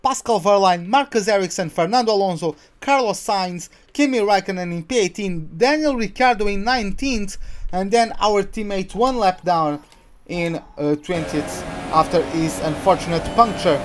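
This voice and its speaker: A man's voice: high voice, normal speed. A man giving casual live commentary as they play a racing video game. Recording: loud engine noise behind voice. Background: racing game car engines.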